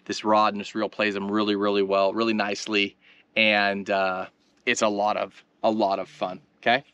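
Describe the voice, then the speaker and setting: Speaking at normal speed in a lowish, slightly bright voice with little pitch movement, a man hosts a fishing tutorial, casually demonstrating gear and technique straight to camera for viewers. The audio has no echo but sounds dull.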